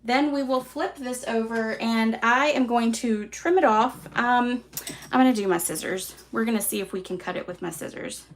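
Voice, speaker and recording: A woman's voice: on the high side, normal speed, a little hiss or hum. Chatty Southern woman demonstrating card-making. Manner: chatty, relaxed, self-deprecating. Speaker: craft class host.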